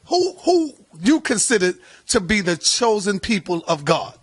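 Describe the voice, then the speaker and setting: A male interviewer with a high, swinging voice who presses his guest and hammers the same point again and again. His tone is husky and sits close and dry on the mic. He sounds confrontational and insistent. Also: very animated, measured pace, no room sound. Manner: pressing, repeats himself for emphasis. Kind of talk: confrontational questioning.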